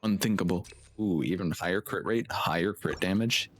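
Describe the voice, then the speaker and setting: Livestreaming a video game over game music, a deep-voiced man chats at a moderate pace in a laid-back, sarcastic way, swearing now and then. There is some background noise.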